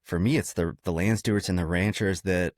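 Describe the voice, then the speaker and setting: A man's voice: low voice, fairly quick, no echo, clean studio sound. A man in casual podcast conversation, telling stories with lots of "like" and "dude" and the odd curse. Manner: animated storyteller, swears casually, says "dude" and "like" often. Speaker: podcast guest, food company co-founder.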